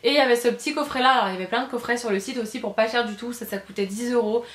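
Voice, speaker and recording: A woman's voice: fairly high pitch, rapid-fire, roomy sound. A woman beauty vlogger chatting casually through a shopping haul, gushing and repeating words for emphasis, with frequent hesitations. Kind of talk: casual haul video chat.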